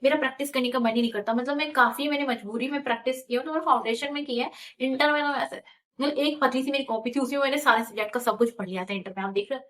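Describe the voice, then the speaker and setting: Fast, high-voiced chatty young woman. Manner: chatty, animated, mixes English phrases. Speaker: vlogger. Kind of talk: casual storytelling.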